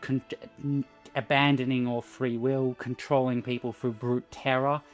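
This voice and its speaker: A man giving casual analytical commentary as a co-host, halting as he thinks aloud. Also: mid-range voice, level tone, faint music behind.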